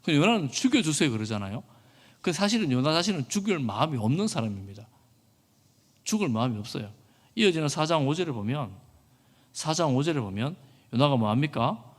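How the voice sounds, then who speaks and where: A man preaching a sermon as pastor, earnest and animated. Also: a little high, fairly quick, pauses often. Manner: earnest, animated, acts out quoted speech. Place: church hall. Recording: echoey church hall.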